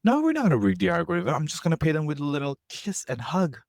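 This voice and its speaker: A young podcast co-host of Korean heritage, raised outside Korea, talks quickly in a fairly high voice with no echo. His casual, playful chat is jokey and animated, and he often corrects himself mid-sentence.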